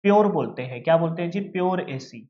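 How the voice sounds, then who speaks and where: A man's voice: on the high side, expressive, fast talker, highs cut off. Man lecturing, asking and answering himself. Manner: repeats questions and answers them himself; calls students "beta". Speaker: teacher. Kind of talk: classroom lecture.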